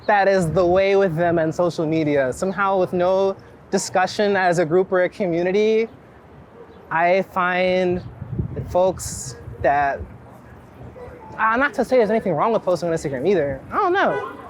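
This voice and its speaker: Out walking on a busy city street, a man being interviewed about his street photography talks casually and thoughtfully, often breaking off mid-thought. His voice is high-pitched at a normal pace, with traffic and outdoor city noise audible.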